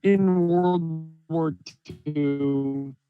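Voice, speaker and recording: A man chatting on a group call whose audio glitches, slowed and warbling. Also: fairly high pitch, fairly even intonation, over music. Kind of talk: casual chat on a group call. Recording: dull, dry internet call audio.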